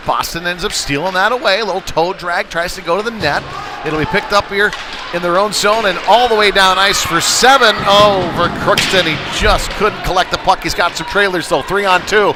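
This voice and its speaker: Music from the venue speakers sits behind this live rink broadcast, where a man announces hockey play-by-play at a normal speed with chatty asides between calls. His voice sits high, and the background is noisy.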